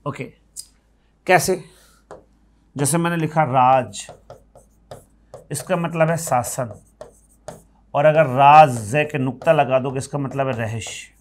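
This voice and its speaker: A man teaching grammar at a board, explaining patiently, repeating words slowly and asking the class for yes or no. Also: mid-range voice, slight background noise. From India.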